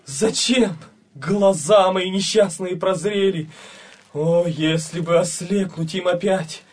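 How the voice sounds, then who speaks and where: A man's voice: sits high, slow pace, distant mic. An actor playing a devout, distraught man once blind, crying out fervently in verse drama. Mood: anguished.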